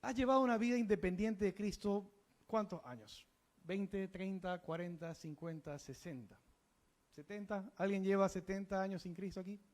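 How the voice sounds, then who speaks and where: A man preaching a sermon, putting questions to the congregation and moving between hushed asides and raised, emphatic bursts. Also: high voice, normal speed. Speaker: pastor.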